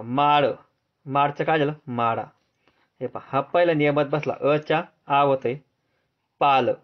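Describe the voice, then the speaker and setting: A man with a Marathi accent teaching a grammar lesson, drilling students with repeated questions and answering them himself in a lower, softer voice. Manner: answers drop low and soft. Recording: dull lo-fi sound.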